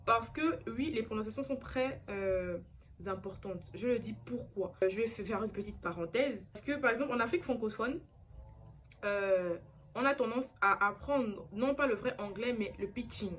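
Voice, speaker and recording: A woman's voice: on the high side, normal speed, fairly bright tone, a little hiss or hum. Chatty young woman vlogger. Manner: chatty, earnest, repeats herself with many fillers. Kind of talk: casual chat to camera.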